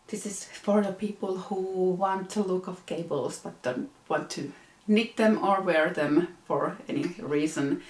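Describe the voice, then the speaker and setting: Her lowish voice echoes around the room as this young woman from Finland, speaking with a Finnish accent, presents her knitting projects on her podcast. The show-and-tell is casual and hesitant, with plenty of fillers.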